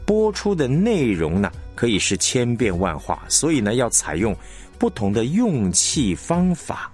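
Male radio teacher, lowish and very expressive pitch, measured explanatory delivery, studio read. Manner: measured, explanatory teacher who demonstrates phrasing aloud. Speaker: broadcasting instructor. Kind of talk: radio lesson on announcing technique.

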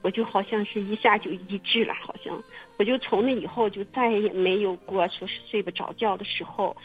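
A woman telling her own story in casual testimony, halting and repeating her words with many fillers. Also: mid-range voice, fairly even intonation, husky, soft background music. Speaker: testimony guest. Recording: muffled phone-line radio recording.

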